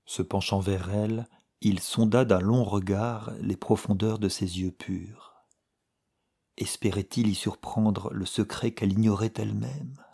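Slow, husky male audiobook reader. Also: lowish voice, steady tone, mellow. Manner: measured, subdued literary reading. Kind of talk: scripted narration.

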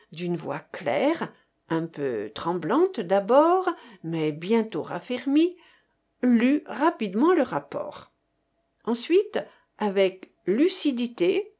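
A woman reading a novel aloud as narration, expressive, voicing the dialogue. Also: on the high side. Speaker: audiobook reader. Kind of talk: scripted narration.

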